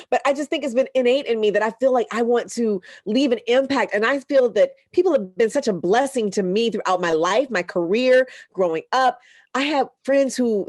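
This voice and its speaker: A woman radio broadcaster, a guest, telling personal stories in an earnest, animated way and laughing easily. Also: on the high side, no room sound, clean studio sound. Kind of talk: heartfelt conversational storytelling.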